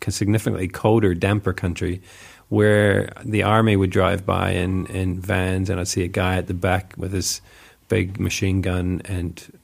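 A man in his forties from New Zealand speaks in a low, darkish voice with vocal fry, his accent carrying New Zealand, Northern Irish and American traces. As an interview guest he tells stories casually and conversationally, chatty and self-deprecating, with frequent fillers.

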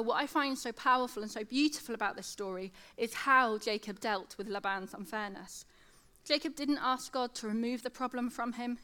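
A secondary school teacher in her thirties gives a devotional talk with scripture reading, like a sermon. A lateral lisp makes her s sounds slushy. Her voice is fairly high, a bit bright and smooth.

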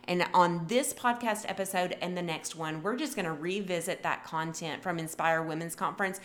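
A woman's voice: fairly low pitch, moderate pace. A woman hosting a devotional podcast, speaking in an encouraging, earnest way as she introduces an episode. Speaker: podcast host. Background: faint music.

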